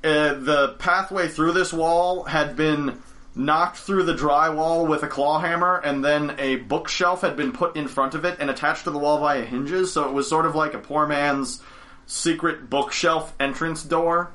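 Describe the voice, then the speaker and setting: A man's voice: a little high, fairly even intonation, unhurried, sharp tone. A young man chatting on a podcast as a storyteller, rambling and correcting himself as he goes. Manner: rambling, self-correcting, chuckles often. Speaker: game store owner, podcast storyteller. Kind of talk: casual podcast chat. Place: studio.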